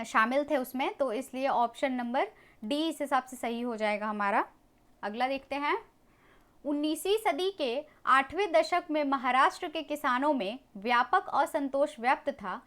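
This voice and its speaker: A woman teaching a history lesson, briskly working through exam questions and talking to viewers as friends. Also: high voice, fairly bright tone. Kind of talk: exam MCQ walkthrough lesson.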